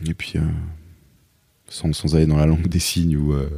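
A man, a guest in a casual interview, talking haltingly with many fillers and restarts. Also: extremely low pitch, flat delivery, mellow, no room sound, studio quality. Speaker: guest, songwriter and performer.

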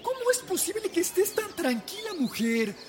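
A man's voice: very high voice, big pitch swings, moderate pace, noisy background, voice pushed up. A man doing an exasperated village woman. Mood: incredulous. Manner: scolding, disbelieving. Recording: clear music underneath.

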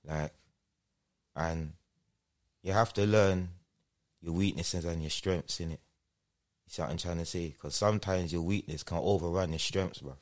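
A man's voice: low voice, unhurried, pauses often. A man with a London roadman accent answering interview questions in casual street slang, often checking that he is being followed. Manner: repeats checking tag phrases. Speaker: interview guest.

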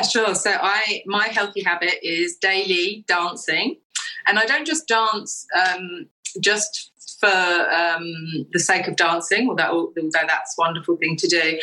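A woman chatting as a podcast guest, her voice bright and clear. She talks with warm enthusiasm, often breaks into laughter and restarts her words as she goes. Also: fairly low pitch, poor audio. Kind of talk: casual chat.

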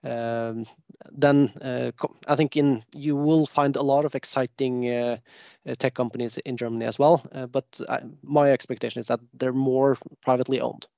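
A man's voice: medium pitch, steady tone, normal speed, gravelly, dark tone, no echo. A man speaking as an executive in a panel discussion, hesitant, in short bursts of phrasing. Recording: dull, dry lo-fi sound.

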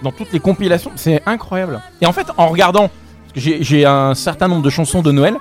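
A man hosting a casual radio chat and running a music quiz, explaining each round in a lively way. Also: on the high side, fairly quick. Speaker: host running a Christmas song blind test.

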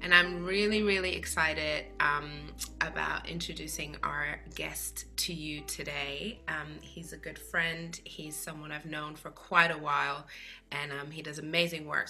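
A woman hosts a friendly interview podcast. Her voice sits low yet bright and clear-cut, with some music in the recording. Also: steady tone, measured pace. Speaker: podcast host.

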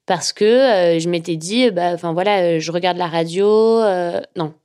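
A young woman, a journalist, telling her own story in a relaxed, hesitant way, with a slightly nasal voice and many fillers. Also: on the low side, moderate pace, clean tone. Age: young adult. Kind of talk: casual personal storytelling.

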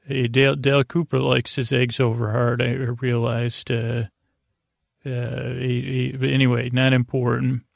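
A podcast host with a creaky, mid-range voice rambles through a halting, digressive bedtime monologue intended to lull listeners to sleep. His delivery is flat, and the dry recording is studio quality.

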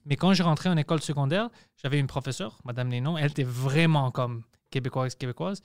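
A man's voice: mid-range voice, quick pace, clean tone, no room sound, clean studio sound. A man from Montreal telling stories in casual chat, switching between French and English with a mixed Montreal accent. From Montreal, Quebec.

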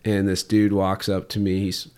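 A man's voice: sits low, monotone, normal speed, darkish tone, smooth. A man guest on a podcast, telling rambling anecdotes in casual chat and chuckling easily. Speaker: podcast guest, fishing guide.

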